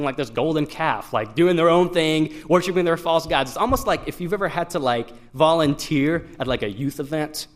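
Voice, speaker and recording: A young man from Iran gives a devotional talk to a youth crowd in a casual, self-deprecating way. His voice sits a touch high, and he keeps restarting his sentences with fillers. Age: young adult. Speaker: student speaker at a youth gathering.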